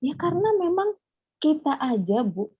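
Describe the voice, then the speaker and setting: A woman's voice: high-pitched, moderate pace, no room sound. Chatty woman on a thin call line. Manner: chatty, lively, addresses mothers directly. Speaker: parenting speaker. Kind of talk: webinar talk. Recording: phone-like thin audio.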